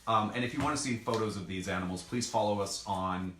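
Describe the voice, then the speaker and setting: A man with a fairly low voice gives a casual, educational explanation for children. He speaks as a zoologist, breaking things into short, simple pieces. The room is echoey, with faint noise behind him. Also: fast, a bit bright. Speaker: zoologist co-hosting a children's question session.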